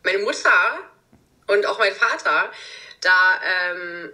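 A woman's voice: fairly low pitch, takes it slowly, pushed and bright, low-quality recording. A woman in her twenties, a guest in a casual interview, talking openly and reflectively over a video call from a room at home. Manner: open, reflective, with many fillers. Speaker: guest, reality TV contestant.

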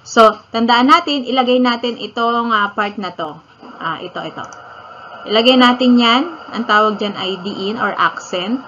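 A woman's voice: on the high side, normal speed, a bit bright, a little hiss or hum. A woman from the Philippines teaching an online music lesson, counting beats aloud and singing short lines of a song. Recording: slightly dull audio with faint ambience.

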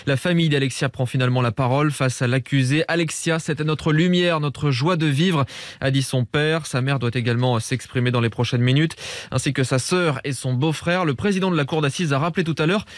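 A man's voice: fairly high pitch, a little fast, no room sound. A young man with a Parisian French accent delivers a scripted news bulletin as a radio newsreader, close to a studio microphone. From Île-de-France, France. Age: young adult. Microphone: close studio microphone, with headphones.

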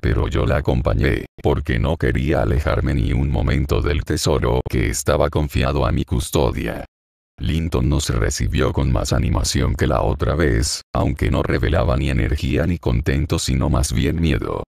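A man giving a measured, scripted audiobook narration. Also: rumbling low, vocal fry, a little mellow, no echo, studio quality.

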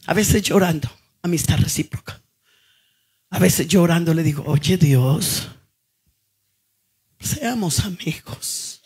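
A middle-aged woman preacher delivering an impassioned sermon, moving from hushed, slow phrases to fervent shouts. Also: deep voice, slightly rough.

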